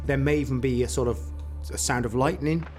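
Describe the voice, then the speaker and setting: A man's voice: medium pitch, a little fast, over music. A Welsh man co-hosting a comedy podcast, talking in a mock-serious, self-important investigator tone. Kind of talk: mock-serious comic banter.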